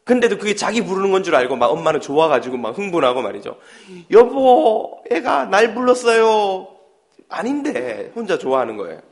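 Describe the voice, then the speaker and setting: A man preaching a sermon as pastor, telling a family story and acting out its dialogue with lively voices. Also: on the high side, fast talker, few pauses. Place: church sanctuary.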